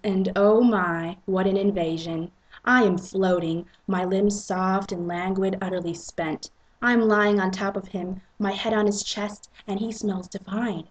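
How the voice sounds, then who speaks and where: A woman narrating a romance novel as a dramatic reading, with a husky, breathy voice. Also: mid-range voice, a little hiss or hum, low-quality recording. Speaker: reader and narrator.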